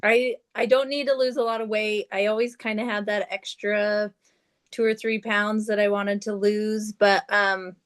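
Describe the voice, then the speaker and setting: A woman speaks as a guest on a video call, upbeat and candid. Her voice sits at an ordinary middle pitch. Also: flat delivery, normal speed. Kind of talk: casual chat on a video call.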